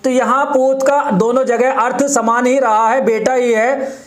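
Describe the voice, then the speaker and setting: A man's voice: extremely high pitch, steady tone, a little slow, roomy sound. A man teaching a grammar lesson. He explains step by step, repeats terms and examples, and often checks in with his listeners.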